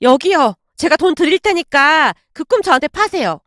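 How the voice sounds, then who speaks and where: A pushy young daughter-in-law who pleads and wheedles in a high voice, played by a woman. The recording is close and dry. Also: expressive, moderate pace, fairly bright tone, no room sound. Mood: wheedling.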